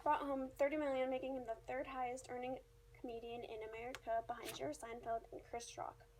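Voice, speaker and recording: A woman's voice: high voice, little pitch movement, fairly quick, a little mellow, slight background noise, poor audio. A woman reading a scripted review aloud, as a presenter who now and then stumbles over the written words. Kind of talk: scripted narration read aloud.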